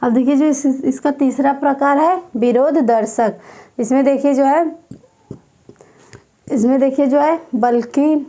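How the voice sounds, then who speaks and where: In slow, repetitive dictation, a woman runs an exam-prep grammar class, going over each term several times. She speaks high but mellow and soft, unhurried on every phrase.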